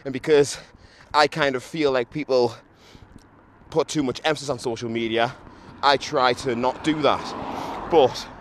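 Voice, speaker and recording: In this walking vlog, a young podcaster who's hungover and still a little drunk after a run swears bluntly and mocks himself on camera. His medium-pitched voice is steady and a little slow. Shot outdoors on a street with a handheld mic and camera, it carries plenty of traffic noise.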